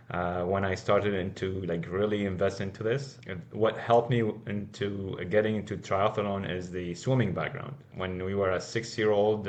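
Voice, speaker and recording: Low-voiced man, earnest guest. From Iraq. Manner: earnest, with frequent restarts and repeated words. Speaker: podcast guest. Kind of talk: casual interview answers.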